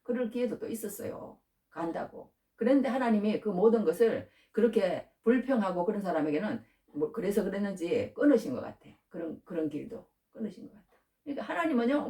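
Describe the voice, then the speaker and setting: Woman preaching, lively pitch, echoey hall. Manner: emphatic, repeats key phrases again and again; conversational, addresses listeners directly. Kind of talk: sermon. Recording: echoey hall, from far off the mic.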